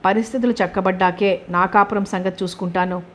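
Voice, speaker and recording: Woman narrator doing a caring young wife, gentle and even. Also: medium pitch, a little fast, natural voice. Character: Madhavi, warm caring young married woman.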